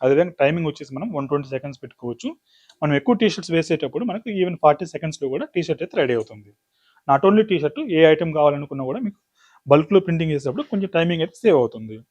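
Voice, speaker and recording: Fast-talking man demonstrating a machine. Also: on the high side, lively intonation, darkish tone. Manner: rapid explanatory, lists items step by step. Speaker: business demo presenter. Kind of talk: product demonstration tutorial.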